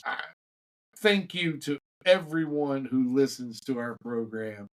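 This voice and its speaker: Speaking slowly and expressively at medium pitch, this podcast co-host chats loosely with the others and brings in a guest. He often trips over his words and repeats them.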